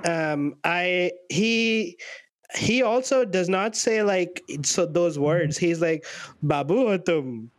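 A man's voice: high voice, takes it slowly, clear, resonant tone. Hesitant, self-mocking man from India. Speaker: podcast co-host. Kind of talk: casual chat.

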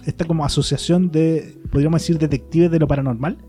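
Mellow-voiced Chilean host. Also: medium pitch, fairly even intonation, quick pace, faint music behind. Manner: chatty, laughs often, thinks aloud with "eh". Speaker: podcast host. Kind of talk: casual chat.

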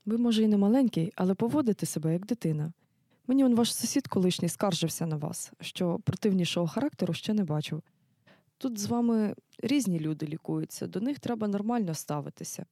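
A woman's voice: medium pitch, lively intonation, quick pace, warm tone, no echo, studio quality. A woman playing a night-shift nurse who firmly scolds and lectures a soldier. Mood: stern. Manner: firm, scolding, matter-of-fact. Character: strict night-shift nurse, commanding, caring.

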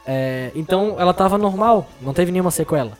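A man's voice: high voice, animated, fast, soft background music. A young man co-hosting a casual podcast, telling stories in a joking way and acting out the other people's voices. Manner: jokey storyteller, acts out quoted voices. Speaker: podcast co-host.

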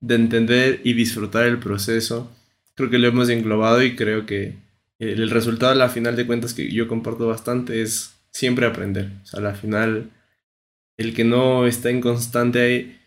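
A man's voice: medium pitch, flat delivery, normal speed. A man hosting an interview, reflectively summing up the conversation. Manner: reflective, summarizing. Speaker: interview host. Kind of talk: casual interview talk.

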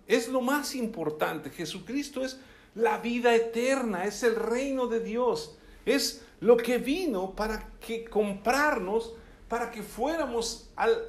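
Man preaching a sermon, high voice, slow and deliberate, checks in with his listeners. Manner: keeps asking the listeners "¿sí?"; reads scripture aloud with emphasis.

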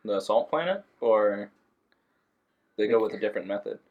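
A man's voice: fairly low pitch, animated, normal speed, highs cut off. A young man joking and laughing in a casual group chat about movies.

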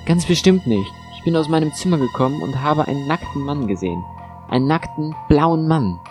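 A man's voice: expressive, brisk, darkish tone, faint music behind, close to an everyday voice. A man voicing a frightened, pleading woman patient in an audiobook, in a raised anxious voice. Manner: anxious, pleading, high-pitched. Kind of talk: audiobook narration.

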